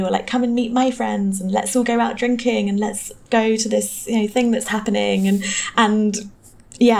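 A woman's voice: mid-range voice, vocal fry, darkish tone. A young woman with an English Home Counties accent, chatting in a casual, hedging way in an interview. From Hertfordshire, England. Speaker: interview guest.

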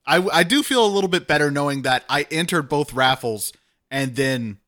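A man co-hosting a podcast in casual chat, talkative and self-deprecating with quick asides. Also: on the high side, expressive, pushed and bright. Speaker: podcast co-host.

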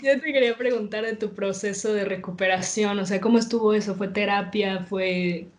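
A young woman with a Mexican Spanish accent, chatting in a relaxed, slangy way and asking questions as the host of a casual talk. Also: medium pitch, normal speed. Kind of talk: casual chat.

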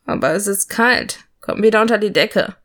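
A young dark mage from a storybook, teasing and affectionate, murmuring softly. A woman voices him in a mid-pitched voice. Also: normal speed, close to an everyday voice. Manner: soft, teasing, sleepy murmur.

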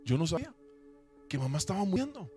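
A man preaching a sermon in church, telling a personal testimony with emotion, rising to loud preaching and dropping to hushed recollection. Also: sits high, very animated, quick pace, soft background music. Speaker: pastor. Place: church service.

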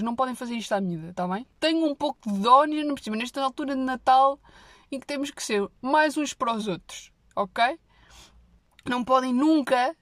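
Young woman, European Portuguese accent, higher voice, dry close sound; comic monologue to camera, big swings into hushed asides. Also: no echo. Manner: animated, exaggerated storytelling, dropping her voice for asides.

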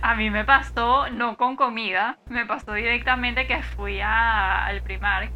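A woman co-hosting a casual podcast chat, telling unhurried anecdotes and acting out the quotes. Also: a little high, steady tone, bright, forceful tone, dull audio, a little hiss or hum. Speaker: podcast co-host.

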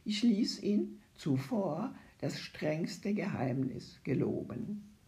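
A narrator giving a first-person literary audiobook reading, expressive and dramatic, often sinking into a hush. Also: medium pitch, slow, echoey room.

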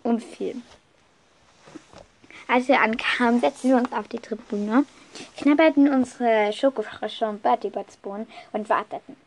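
A woman with a slightly high voice tells a first-person story off the cuff. She speaks in a lively way, often restarting and correcting herself mid-sentence. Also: normal speed, a little hiss or hum.

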